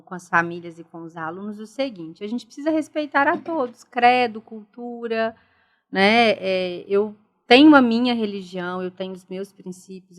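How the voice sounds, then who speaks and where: With a mid-range, fairly bright voice, this middle-aged guest, a school director with a Brazilian Portuguese accent, talks earnestly and reflectively in a casual podcast interview. She keeps stressing respect and dialogue.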